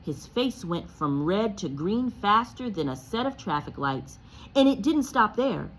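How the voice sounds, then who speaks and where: A woman narrating a children's story aloud in an expressive read-aloud style. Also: medium pitch, measured pace, a little hiss or hum, rough recording.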